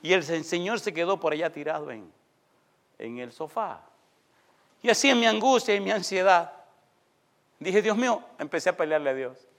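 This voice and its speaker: Preacher guy, kinda high voice, acting out his story w sound effects, chatty w the congregation. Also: lively intonation, normal speed, pauses often, fairly bright tone. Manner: folksy, addresses congregation. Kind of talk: sermon with personal story.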